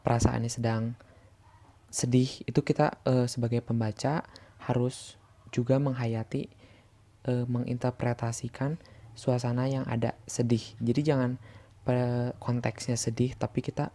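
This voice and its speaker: A young man talks through a literature lesson, reading each point from his notes. His voice is dark and mellow with little rise and fall. He stops now and then on filler sounds before going on. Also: medium pitch. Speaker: presenter explaining a literature lesson. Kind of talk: scripted lesson explanation.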